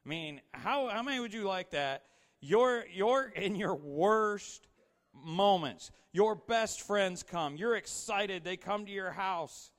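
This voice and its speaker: A man with a high, expressive voice and a fairly bright tone speaks slowly as he delivers a casual, storytelling sermon, asking the audience questions. His talk is full of fillers, especially a repeated "you know." He's in a large hall with slides, and the recording carries a long hall reverb.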